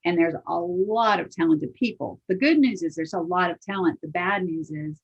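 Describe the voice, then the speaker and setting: An older woman with a gravelly, husky voice speaks as an interview guest, setting her thoughts down in halting bits and restarting her sentences. Her pitch sits on the low side. The recording sounds dull and lo-fi. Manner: halting, restarts and repeats words. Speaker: interview guest, singer-songwriter. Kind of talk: casual conversation. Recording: dull lo-fi audio.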